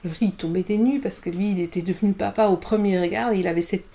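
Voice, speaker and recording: A middle-aged woman, a guest author telling her story in a candid podcast conversation, animated and self-mocking. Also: medium pitch, quick pace. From Belgium.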